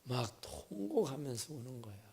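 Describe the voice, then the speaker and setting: A man preaching a sermon in a church, telling a story with sudden swings between loud bursts and hushed asides. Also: medium pitch, sing-song, moderate pace, husky. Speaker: pastor. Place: church sanctuary.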